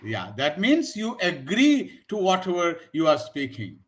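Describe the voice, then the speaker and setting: A man teaches spoken in a relaxed chat. His voice sits a little high for a man and swings widely in pitch as he acts out sample phrases in contrasting tones. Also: unhurried. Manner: animated, acts out example phrases with varied tones. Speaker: English teacher. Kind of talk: conversational English lesson.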